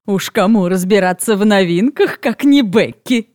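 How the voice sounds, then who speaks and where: A woman's voice: mid-range voice, animated, moderate pace, a little mellow, dry recording, studio quality, close to an everyday voice. Gushing effusive woman, as a woman reader puts her on.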